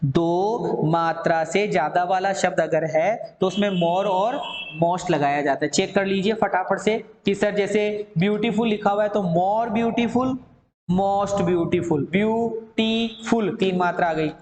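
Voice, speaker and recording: A man's voice: high-pitched, slow pace, a little mellow, roomy sound, a little hiss or hum. A man teaching an English grammar lesson, drilling word forms in lists and asking and answering his own questions.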